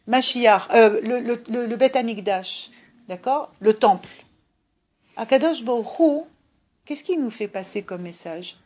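A woman giving an informal religious talk, animated and direct, swinging between loud emphasis and a soft murmur and often asking the listener if they understand. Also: mid-range voice. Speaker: religious speaker giving advice.

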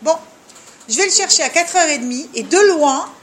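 A woman leading an informal religious talk for a group. She is animated, speaks straight to her listeners, and acts out small dialogues as she makes her points. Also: high-pitched, normal speed, a little hiss or hum. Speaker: leader of a women's discussion group.

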